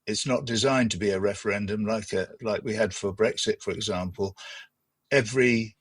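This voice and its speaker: A man's voice: fairly low pitch, moderate pace, breathy edge. An English man explaining a local process in discussion, as a local representative.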